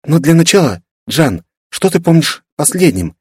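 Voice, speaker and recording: A man doing a soft young woman, raised high voice, hesitant, earnest, dry close sound. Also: sing-song, moderate pace, slightly rough, no echo. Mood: thoughtful. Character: young woman, gentle and thoughtful adventurer. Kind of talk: audiobook character voice.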